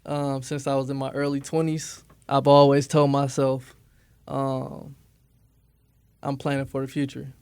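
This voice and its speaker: A man's voice: medium pitch, monotone, unhurried, darkish tone, clean tone, no room sound. A man in his twenties from Milwaukee, a barber speaking as a guest in a casual interview, laid-back and often checking in with his listener. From Milwaukee, USA. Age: 20s. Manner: laid-back, often tags lines with "you know what I'm saying".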